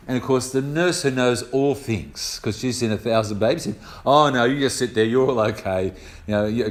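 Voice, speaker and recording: An older Australian man gives a Bible teaching in an easygoing, conversational style. He walks through each point step by step and drops in homely stories along the way, with a voice of ordinary middle pitch. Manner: conversational, explains step by step with personal anecdotes. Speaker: preacher. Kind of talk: sermon teaching on scripture.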